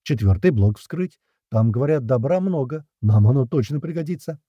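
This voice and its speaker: A man's voice: medium pitch, lively intonation, normal speed, dark tone, husky, no room sound, muffled recording, pitched above the performer's own voice. A man voicing a cheerful, taunting enemy commander speaking over a radio in an audiobook. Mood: amused.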